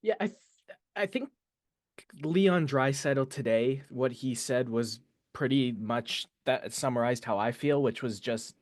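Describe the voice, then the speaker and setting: Man, podcast co-host, casual, hesitant, thoughtful, medium pitch, dry sound. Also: dry recording. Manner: hesitant, thoughtful, quick asides. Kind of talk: casual sports podcast chat.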